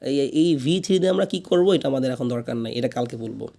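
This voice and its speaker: A man teaching spoken English in a classroom lesson, patiently repeating each word slowly so learners can drill it. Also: medium pitch, expressive, creaky, warm tone. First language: Bengali.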